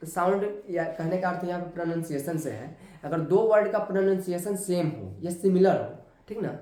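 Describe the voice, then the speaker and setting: Echoey, lively male teacher. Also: high-pitched. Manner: repeats "ठीक ना" often, asks and answers his own questions. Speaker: English teacher. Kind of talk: classroom lesson explaining grammar. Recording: very echoey room.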